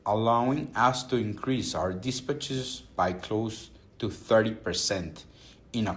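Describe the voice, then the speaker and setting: A company executive with a mid-range voice reads a scripted earnings call presentation in a formal, measured corporate style.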